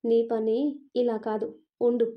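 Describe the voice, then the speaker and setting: A woman's voice: a little high, monotone, measured pace, natural voice. A woman voicing an angry young husband in a storybook reading, curt and irritable. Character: young husband, stern and short-tempered. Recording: dull lo-fi recording.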